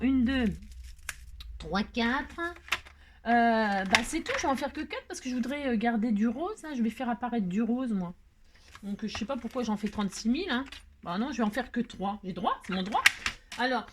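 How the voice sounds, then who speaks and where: A woman's voice: a little high, noisy background. A woman hosting a casual craft tutorial, chatting in a rambling, self-mocking way with frequent laughs and asides.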